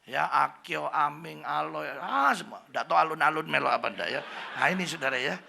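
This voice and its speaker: A man's voice: a little high, animated, brisk, vocal fry, pushed and bright. A middle-aged man with a Javanese accent preaching a humorous church sermon, joking and chatting with the congregation and putting questions to them. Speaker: pastor.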